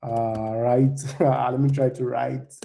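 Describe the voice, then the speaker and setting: A young Nigerian conference speaker, for whom English is not a first language, walks an audience through a live demo in a loose, chatty way. His mellow, warm voice sits at a middling pitch with a flat delivery and vocal fry, and he tags a quick "right?" onto nearly every point.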